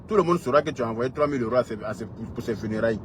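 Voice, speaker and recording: A man with an Ivorian French accent lectures an absent rival in a heated online rant. He repeats his points and fires off rhetorical questions, his voice sitting at an ordinary middle pitch. A faint hum of noise stays in the background. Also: very fast. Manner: scolding, repetitive, rhetorical questions. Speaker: social media commentator. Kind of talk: heated direct-address rant.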